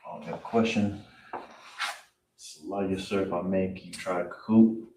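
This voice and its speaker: With a low voice and a measured pace, a man runs a laid-back online language lesson over a live stream. He keeps checking in with "you understand?" and "all right?", and the audio is distant and roomy with slight hiss.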